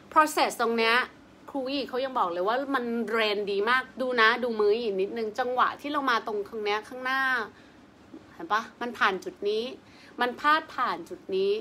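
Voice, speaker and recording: A woman yoga teacher talks her viewers through a massage routine in a loose, chatty way, counting the repetitions out loud. Her voice sits a little high and sounds bright and forward. It is picked up on a home live-stream mic, with a faint hiss and some room sound behind her. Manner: chatty and informal, counting reps aloud. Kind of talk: live-streamed yoga lesson, casual chat. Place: on a bed at home, seated. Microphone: webcam or phone on a live stream.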